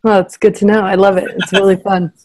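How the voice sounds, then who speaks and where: Mellow, dry-miked woman hosting. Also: mid-range voice, level tone, fast talker, dry recording. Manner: appreciative, encouraging. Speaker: podcast host. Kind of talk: casual interview chat.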